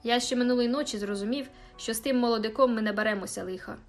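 A woman's voice: fairly high pitch, steady tone, fast, faint music behind, close to an everyday voice. A woman doing a shrewd, knowing village carter. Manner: knowing, rhetorical, drawling.

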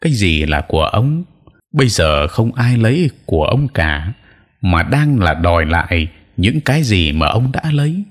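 A man's voice: on the low side, big pitch swings, normal speed. A man voicing a young man who speaks in a firm, pointed way in an audio story.

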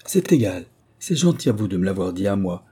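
A man reading an audiobook voices a headstrong, playful young girl, lifting his voice and talking quickly and teasingly. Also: low-pitched, big pitch swings, mellow, breathy edge, heavily acted.

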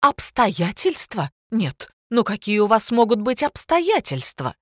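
A woman reading an audiobook voices a loud, haughty middle-aged woman, indignant and imperious. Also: on the high side, big pitch swings, unhurried, no room sound, studio quality, voice pushed up. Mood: scornful.

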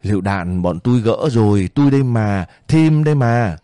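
A man doing a gentle weary officer. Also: lowish voice, expressive, moderate pace, no echo, clean studio sound, lightly acted. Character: weary middle-aged male guerrilla officer, gentle.

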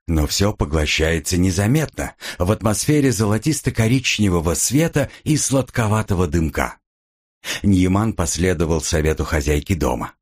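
A man narrating an audiobook in an expressive storytelling manner. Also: fairly low pitch, breathy edge.

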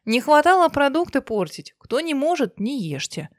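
A woman voicing a middle-aged housekeeper who grumbles in a brusque, loud way. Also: high voice, very animated, normal speed, no room sound, studio quality, voice pushed up.

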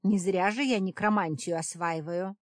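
A blunt young witch who studies necromancy, as a woman narrator voices her in an audiobook. She talks brisk and matter-of-fact in a lowish voice. The sound is close and dry. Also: dry recording, natural voice. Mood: flippant. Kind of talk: audiobook character reading.

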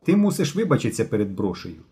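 A man's voice: lowish voice, big pitch swings, quick pace, warm tone. A man voicing Mishko, an earnest schoolboy who talks firmly and decisively. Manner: firm, decisive.

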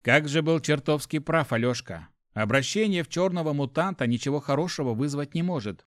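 A man reading a first-person audiobook in an even, matter-of-fact way on a close studio mic. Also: fairly high pitch, fairly quick, no room sound. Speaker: audiobook narrator.

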